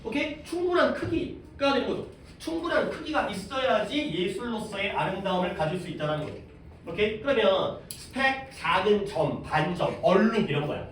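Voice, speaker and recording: A man's voice: high-pitched, expressive, normal speed, fairly bright tone. A male English teacher giving a classroom reading lesson, explaining step by step and putting questions to the class. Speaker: high school English teacher. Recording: echoey room, mic at a distance, faint background noise.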